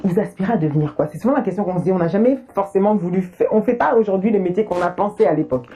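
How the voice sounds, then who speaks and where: A woman's voice: medium pitch, very fast. Woman interviewer on web TV. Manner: lively questioning, introduces segments. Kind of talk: interview hosting. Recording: slightly dull sound.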